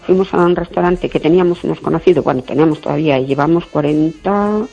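An older woman chatting casually, telling stories in an outspoken, indignant way and often clearing her throat. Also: sits low, quick pace, dark tone. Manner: outspoken, indignant, acts out quoted dialogue. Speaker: guest in a conversation. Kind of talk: casual chat, storytelling. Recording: dull lo-fi recording, faint music behind.

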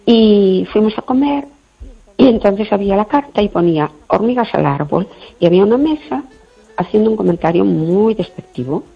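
An older woman chatting casually, telling stories in an outspoken, indignant way and often clearing her throat. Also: mid-range voice, expressive, moderate pace. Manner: outspoken, indignant, acts out quoted dialogue. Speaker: guest in a conversation. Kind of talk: casual chat, storytelling. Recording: dull lo-fi recording, faint music behind.

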